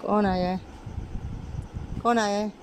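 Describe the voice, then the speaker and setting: A woman's voice: medium pitch, steady tone, takes it slowly. Woman vlogging at home over background noise. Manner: coaxing and soothing a crying child. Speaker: family vlogger. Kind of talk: casual home vlog narration. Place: family home indoors. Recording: noisy home phone recording.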